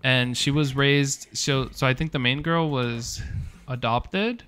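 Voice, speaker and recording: A man's voice: medium pitch, slow pace, crowd noise. A young man co-hosting a casual podcast over beers at a bar, rambling and swearing freely as he retells movies. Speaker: podcast co-host.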